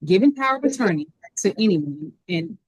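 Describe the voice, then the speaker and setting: A woman attorney arguing her side in a hearing over a video call, talking fast. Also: mid-range voice, lively intonation, a little mellow, breathy edge, no echo, poor audio. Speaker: defense attorney. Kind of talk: courtroom argument.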